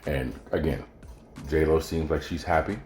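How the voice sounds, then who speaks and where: Very deep-voiced male podcast host. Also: steady tone, unhurried, darkish tone. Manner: loose, joking, talks straight to listeners. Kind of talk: casual solo podcast chat. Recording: echoey room with faint music.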